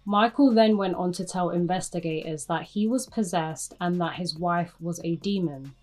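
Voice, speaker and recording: A woman's voice: on the low side, moderate pace, darkish tone, faint music behind. A woman hosting a true crime podcast, narrating bluntly with sarcastic, profane asides. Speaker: podcast host.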